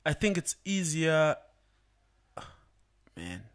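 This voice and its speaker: A man's voice: fairly high pitch, very animated, drawn-out words. A man, a rapper talking casually about his songs in a podcast studio, often laughing and repeating words as he explains. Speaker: rapper guest. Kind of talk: casual interview chat.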